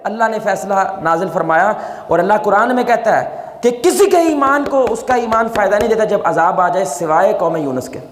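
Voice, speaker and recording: Man, impassioned preacher, fairly high voice, booming hall reverb. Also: animated, a little hiss or hum. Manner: impassioned, swings from loud and high to low and hushed; addresses listeners as "my brother". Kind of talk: sermon. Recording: echoey hall with long reverb.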